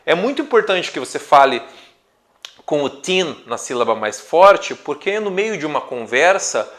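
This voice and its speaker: A man's voice: a little high, sing-song, moderate pace, a bit bright. A man who speaks Portuguese as his first language, teaching English pronunciation patiently and stressing each example word. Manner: patient, drawing out example words with emphasis. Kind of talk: explaining English pronunciation to viewers.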